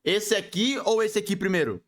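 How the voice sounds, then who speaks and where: A man with a Brazilian accent reacting casually to a video, talking in excitable, slangy bursts. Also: high voice, normal speed. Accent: Brazilian Portuguese. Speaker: react streamer.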